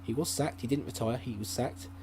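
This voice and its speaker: A man hosting a gaming channel speaks briskly in a mid-range voice. He rambles through casual let's-play commentary, thinking aloud and frequently restarting or filling gaps. A desk microphone at his laptop picks him up, and the laptop hums faintly in the background.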